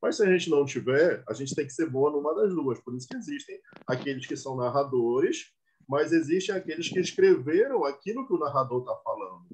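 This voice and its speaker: A man's voice: on the high side, expressive, fairly quick, darkish tone, a little hiss or hum. Brazilian man teaching an online class. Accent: Brazilian Portuguese. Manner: repetitive, asks students for confirmation often.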